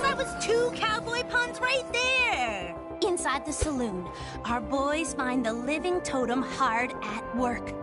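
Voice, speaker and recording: A woman voicing an excitable young superheroine game narrator who talks like a cheeky, theatrical cowgirl. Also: high voice, heavily acted. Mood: mock-dramatic. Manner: theatrical, folksy mock-cowboy talk. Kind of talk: animated mission narration in video game.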